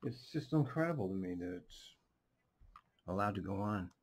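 A man's voice: lowish voice, very animated, normal speed, vocal fry. A man giving casual, sardonic running commentary as he reacts to recordings. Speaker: commentator reacting to scanner audio.

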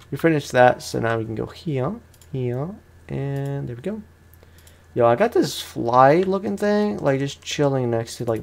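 A gaming content creator hosts a let's play from a room at home, rambling casually in informal slang as he chats to viewers while playing. His mid-range voice has vocal fry and a darkish tone.

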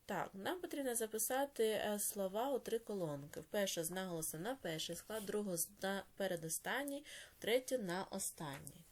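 A woman teaching a language lesson, dictating words slowly with clear stress and quick explanations in between. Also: mid-range voice, a little mellow.

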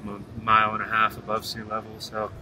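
A man in his thirties talking casually to a phone camera from inside a car, relaxed and thinking aloud with fillers. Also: on the low side, a little fast, music in the background. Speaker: vlogger. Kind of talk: casual vlog talk to camera. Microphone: phone held at arm's length.

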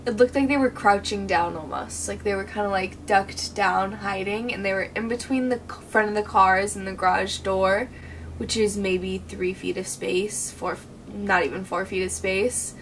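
A young American woman talks casually to a camera in a night vlog. Her telling is halting and full of filler words. She sits a little away from the microphone, with some noise behind her and a medium pitch. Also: steady tone. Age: young adult. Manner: hesitant, filler-heavy storytelling with "like". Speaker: vlogger staying overnight in a garage. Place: cluttered garage at night, seated on sofa. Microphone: camera a few metres away. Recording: distant camera mic with background noise.

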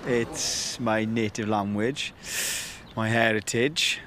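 An actor playing a blunt, exasperated young man with a South Wales Valleys accent, talking haltingly in a mockumentary. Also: lowish voice, steady tone, noisy background. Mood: indignant. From Merthyr, Wales. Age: young adult. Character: blunt, exasperated young Welsh male language student. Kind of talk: mockumentary comedy interview.

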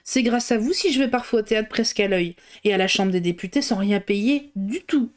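A woman voicing a plump, gossipy middle-aged housekeeper who talks in a familiar, chatty way, pitched high and bright. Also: brisk, natural voice. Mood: eager.

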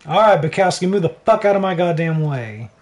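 Guy streaming a game, swears constantly, lively voice pitched a bit high. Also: brisk. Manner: blunt, joking, swears a lot. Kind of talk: casual profane gaming chat.

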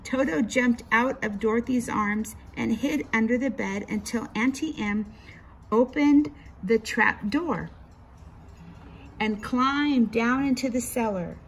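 A woman's voice: fairly high pitch, takes it slowly, a little hiss or hum, rough recording. Woman reading a storybook aloud. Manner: reads quotes with small lifts, a few slips and restarts. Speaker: reader.

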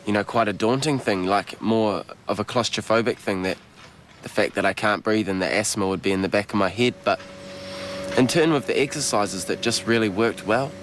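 Low-voiced nineteen-year-old New Zealand man. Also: moderate pace, a little hiss or hum. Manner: casual, hesitant. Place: outdoors.

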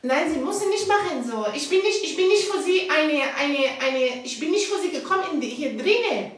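A woman's voice: high-pitched, lively intonation, normal speed, distant mic. A woman at home who speaks broken, non-native German, pleading and upset. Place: her apartment. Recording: echoey room, off-mic.

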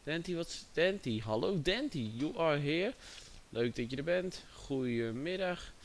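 A livestream host with a slightly high, animated voice talks a little slowly as he chats casually. He seems distracted, speaking both to his chat and to a friend.

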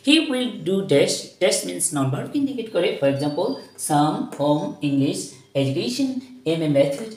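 A woman with a Bengali accent teaches spoken English, stepping through sentence patterns in English and Bengali. She speaks slowly and her pitch moves a lot. She is recorded in an echoey room. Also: animated, a little mellow. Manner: drilled pattern reading, mixing English and Bengali.

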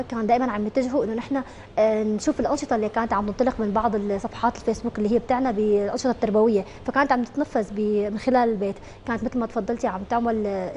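A woman with a Syrian Arabic accent speaks as a studio guest, explaining in a rapid stream with frequent restarts. Her voice sits a little high but sounds mellow and dark. A faint hum of room ambience stays behind her. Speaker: educational psychologist guest. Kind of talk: TV morning show interview.

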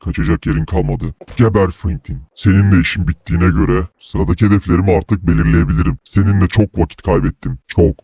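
A man voicing a cold, vengeful male serial killer who speaks in slow, sinister threats. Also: fairly even intonation, dark tone, no room sound, full character voice. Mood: menacing. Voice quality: deep, husky and sinister.

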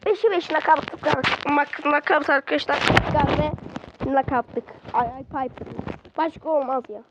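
A woman giving casual gameplay commentary from a bedroom at home, excitable and quick to exclaim and grumble at opponents. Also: high voice, very noisy. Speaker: gaming video creator. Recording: slightly dull lo-fi recording.

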